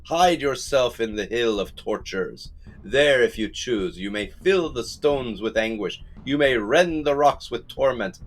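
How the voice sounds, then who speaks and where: A man's voice: sits low, takes it slowly, fairly bright tone. A man voicing an old greybeard father, a wise healer who commands and preaches solemnly, in a storybook reading. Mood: commanding. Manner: commanding, incantatory.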